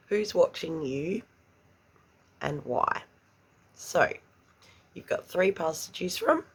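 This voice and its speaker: Low-pitched and creaky, this tarot reader's voice carries a chatty pick-a-card reading. She's a little congested after being sick and mutters questions to spirit under her breath.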